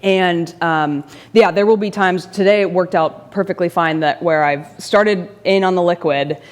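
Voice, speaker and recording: A woman's voice: on the low side, unhurried, long reverb tail. A woman presenting a baking demonstration at a church forum, answering audience questions in a friendly, casual way. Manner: friendly, answers questions by name, laughs easily.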